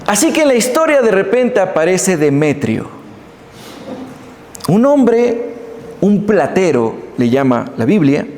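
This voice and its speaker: Animated high-voiced preacher in echoey hall. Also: male voice, slow, long pauses, slight background noise. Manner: animated storytelling, addresses congregation directly. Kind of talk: sermon. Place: church hall.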